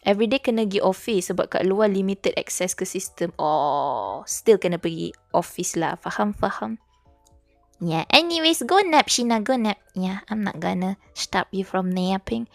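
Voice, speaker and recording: A woman's voice: medium pitch, animated, moderate pace, gravelly, no room sound, faint music behind. A young Malaysian woman streaming while she studies, chatting casually with viewers and reading their messages aloud. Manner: chatty, mixes English and Malay, reads chat aloud. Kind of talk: casual study stream chat.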